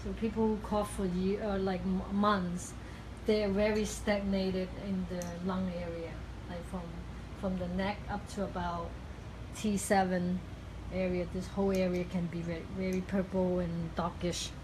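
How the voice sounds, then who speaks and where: An acupuncturist with a lowish voice and flat delivery explains a cupping treatment in casual talk while performing it. She's instructive but halting, pausing to find words, and the room recording carries clear background noise.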